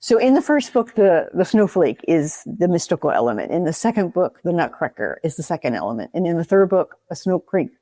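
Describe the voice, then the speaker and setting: A woman's voice: lowish voice, very animated, brisk, hardly any pauses, mellow, no room sound. A woman author speaking as an interview guest, rambling and explaining at length. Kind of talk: casual interview chat.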